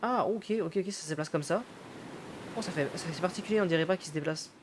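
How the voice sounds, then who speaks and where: A gaming YouTuber with a somewhat high male voice gives casual let's-play commentary at a fairly quick pace over a noisy background. He thinks aloud, swears casually, and loosely paraphrases the game's dialogue.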